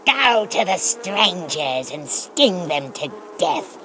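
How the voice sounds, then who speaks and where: A man voicing a wicked old witch for an audiobook, cruel and commanding, with drawn-out menacing orders. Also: sits high, very animated, noisy background, pitched above the performer's own voice, heavily acted. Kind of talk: audiobook character voice.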